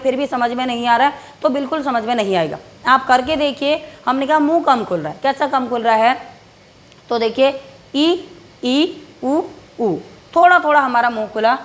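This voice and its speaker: Woman teaching a grammar lesson, higher voice. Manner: repetitive, asks and answers her own questions; slows down to dictate notes. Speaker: Hindi teacher. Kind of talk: classroom-style grammar lesson.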